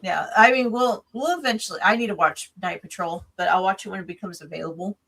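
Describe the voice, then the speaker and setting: Tired and yawning from a late-night recording, a podcast co-host rambles through a film plot in casual chat, restarting often. Her medium-pitched voice is fast and fairly bright, with vocal fry.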